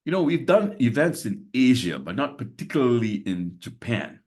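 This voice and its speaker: A Singapore-raised man in his sixties hosts a video-call webinar as a business mentor, talking casually with lots of fillers and little chuckles between points. His voice sits in the mid range, slightly mellow, with big pitch swings at a moderate pace.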